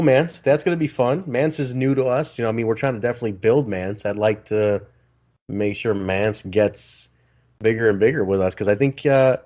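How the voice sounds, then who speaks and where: An excitable man co-hosts a podcast in loose casual chat. He swears freely and laughs often, with a voice in a middle range for a man. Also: mid-range voice. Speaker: podcast co-host.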